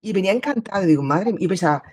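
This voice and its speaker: Husky-voiced mother telling a story. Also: medium pitch, lively intonation, very fast, a little mellow, dry recording. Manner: storytelling, conversational. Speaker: parent in the audience. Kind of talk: casual chat.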